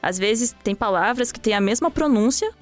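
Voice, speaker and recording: A woman's voice: on the high side, expressive, moderate pace, soft background music. A woman co-hosting a casual chat podcast, talking at length and explaining things in long run-on lists. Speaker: podcast co-host.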